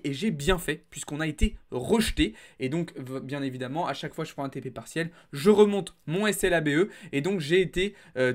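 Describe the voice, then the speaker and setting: A man with a slight lisp on his s sounds, presenting market commentary to viewers. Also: on the high side. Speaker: crypto trading video host.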